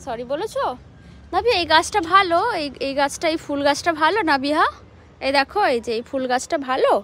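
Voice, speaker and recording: A woman's voice: high voice, animated, a little fast, a bit bright. A young mother talking to her small child in a sing-song, coaxing way while filming outdoors in a rooftop garden. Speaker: mother and vlogger.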